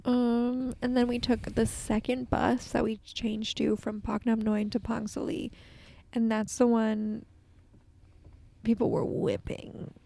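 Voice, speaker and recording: Young woman, casual travel chat, gravelly, mellow tone, flat pitch, tangent-prone. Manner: chatty, tangent-prone, quick asides.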